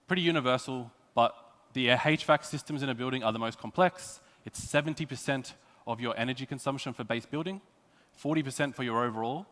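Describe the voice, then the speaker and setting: This Australian conference speaker has a fairly bright voice of medium pitch and gives a scripted technical talk, phrasing his explanations emphatically. Long reverb from the echoey hall surrounds him.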